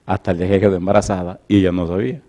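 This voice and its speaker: A middle-aged man preaching, swinging between loud emphatic lines and soft, hushed storytelling. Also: low-pitched, flat delivery, very fast. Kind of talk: sermon with personal storytelling.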